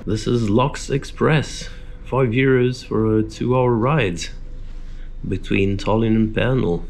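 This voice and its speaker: A man in his thirties filming a casual travel vlog, chatty and relaxed, with self-deprecating asides, recorded on a handheld camera mic. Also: medium pitch, takes it slowly, creaky, a little hiss or hum. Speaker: travel vlogger. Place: indoors in a hostel, then outdoors in snowy streets and on a bus.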